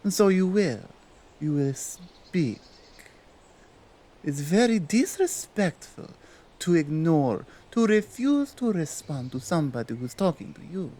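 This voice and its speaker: A woman with a Nordic accent playing a dominant, stern yet coaxing Krampus in a slow, deliberate ASMR roleplay. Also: on the low side, very animated, dark tone. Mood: stern, commanding. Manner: deliberate, commanding, halting non-native phrasing.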